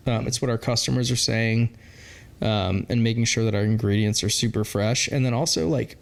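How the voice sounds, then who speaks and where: A man in his forties with a creaky, medium-pitched voice answers interview questions as the founder of a brewery. He is candid and rambling, using lots of fillers and laughing often.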